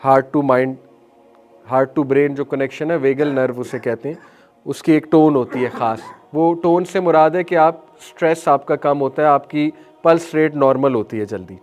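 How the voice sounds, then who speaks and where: A man with a somewhat high voice delivers an earnest motivational religious talk. He drops English phrases into his speech and slows right down when reciting phrases. Soft music plays faintly underneath. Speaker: Islamic speaker.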